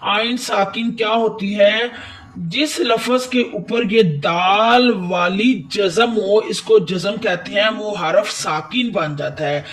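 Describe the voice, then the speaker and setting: Slow high-voiced man teaching recitation. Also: fairly bright tone, far from the mic. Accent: Pakistani Urdu. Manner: slow, patient explanation with drawn-out recited words. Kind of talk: step-by-step tajwid lesson.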